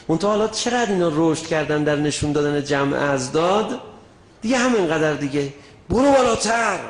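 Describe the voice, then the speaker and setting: A man preaching a sermon with passion, dropping to a hush and then rising to shouts. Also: fairly high pitch, a little hiss or hum. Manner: impassioned, swings from hushed to shouting. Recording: roomy echo.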